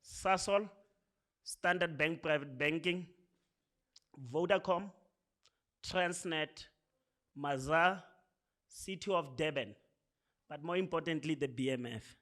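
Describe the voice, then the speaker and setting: A man's voice: fairly high pitch, slow, pauses often, fairly bright tone. A man with a South African accent giving a conversational speech at a programme launch, often tagging his lines with "right?". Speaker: speaker.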